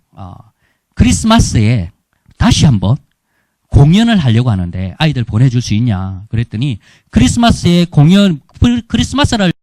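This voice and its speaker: A middle-aged man with a Gyeongsang Korean accent tells missionary stories from the pulpit with humor. His voice sits a little high and swings widely in pitch. The sound is dry and close, with little room echo. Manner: lively storytelling with humor. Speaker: missionary speaker. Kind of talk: testimony sermon. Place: church.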